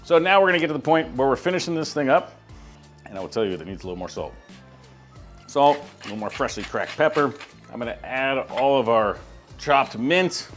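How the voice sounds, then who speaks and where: A man's voice: medium pitch, lively intonation, brisk, faint music behind. A man hosting a casual cooking demonstration in a kitchen, talking through each step in an easygoing way with frequent filler sounds. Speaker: chef hosting a cooking demo.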